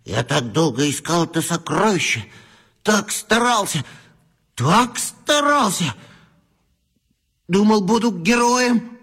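An actor playing a small, hapless, sorrowful animal in a children's audio story, plaintive and self-pitying. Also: male voice, high voice, very animated, takes it slowly, long pauses, fairly bright tone, husky, exaggerated voice. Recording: long hall reverb.

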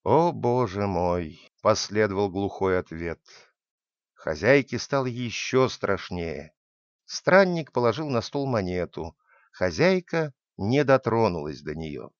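A man narrating a story in an expressive, measured way. His voice rises and falls freely across a middle pitch. The recording is dry and a bit muffled. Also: dry recording. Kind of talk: storybook reading.

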